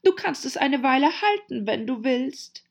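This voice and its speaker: A woman putting on the hoarse, snappish Duchess. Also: sits high, very animated, pitched above the performer's own voice, heavily acted. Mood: gruff singsong. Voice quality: hoarse growl. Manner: snappish, rude, drawn-out words. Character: harsh bossy noblewoman, the Duchess. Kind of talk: audiobook character voice.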